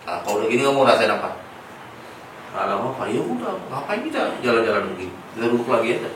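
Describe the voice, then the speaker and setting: Male clinic therapist, gentle and explanatory, off-mic in a very echoey room. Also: mid-range voice, huge pitch swings, rapid-fire. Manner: gentle coaching, then plain explanation to parents. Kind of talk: clinical consultation with a patient and family. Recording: echoey room, mic at a distance, faint noise.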